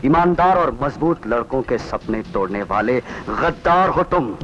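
A man's voice: high-pitched, lively intonation, moderate pace, a bit bright, dull audio, a little hiss or hum. An actor playing a cheeky, defiant unemployed young man in a dubbed film, swinging from angry speeches to teasing banter. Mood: angry accusing. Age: young adult. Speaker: lead in a dubbed action film. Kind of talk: Hindi film dub acting.

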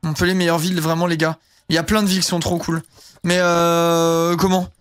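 Young male streamer, high voice, rambling casual chat, dry close sound. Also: level tone, brisk, a bit bright, clean tone, no room sound. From southern France. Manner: rambling, heavy fillers, casual swearing. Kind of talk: casual live-stream chat while gaming.

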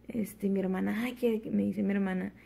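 A young woman fresh out of bed chats to the camera at home in a rambling, filler-heavy way. Her voice is strongly gravelly and husky, with a mellow, dark tone. She speaks in a flat, even melody. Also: medium pitch. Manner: rambling, chatty, many fillers. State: just woke up, fasting. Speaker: vlogger. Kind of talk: casual chat to camera.

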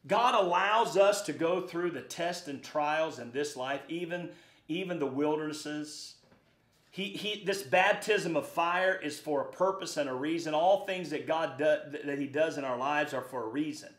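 Male preacher, high-pitched, scripture reading and exhortation, roomy church sound. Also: unhurried. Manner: reads scripture then preaches with rising fervor. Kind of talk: sermon. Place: church sanctuary.

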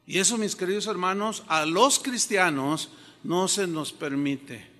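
A man's voice: high-pitched, measured pace, fairly bright tone, in a large hall. A male pastor with a Mexican Spanish accent preaching a sermon earnestly, speaking directly to his congregation.

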